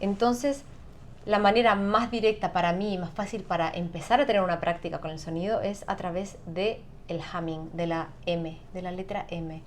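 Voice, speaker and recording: Woman guest, low-ish voice, patient and explanatory; faint noise on the line. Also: moderate pace. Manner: calm, explanatory, frequent tag questions. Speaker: sound therapist guest. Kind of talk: conversational interview.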